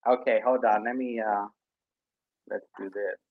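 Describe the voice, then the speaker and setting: A man's voice: on the low side, steady tone, background noise. Man on a choppy, breaking-up call. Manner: halting, with fillers and restarts. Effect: choppy, breaking-up call audio. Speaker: podcast host. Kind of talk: casual video-call chat. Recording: muffled, lo-fi online call line.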